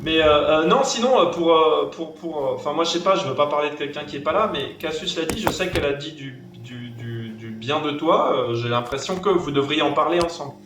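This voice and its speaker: Halting man, distant and echoey. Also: a little high, lively intonation. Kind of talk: casual online debate. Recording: roomy echo, distant mic, faint noise.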